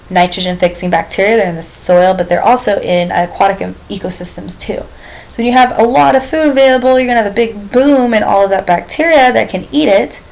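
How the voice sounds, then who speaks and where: A biology teacher with a mid-range, slightly mellow voice walks her class through the material step by step. She keeps asking the students questions and reminding them of what they've already covered, captured in a low-quality recording.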